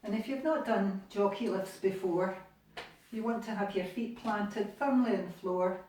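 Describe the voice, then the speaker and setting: Mellow-voiced Scottish woman leading exercises. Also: medium pitch, normal speed, a little hiss or hum. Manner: encouraging, chatty. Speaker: exercise instructor. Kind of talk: guided exercise class. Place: living room. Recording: echoey room, distant mic.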